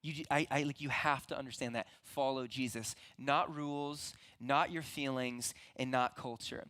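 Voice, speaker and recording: A man's voice: mid-range voice, steady tone, moderate pace, bright, forceful tone. A young man preaching a sermon as pastor, earnest and conversational, with frequent restarts.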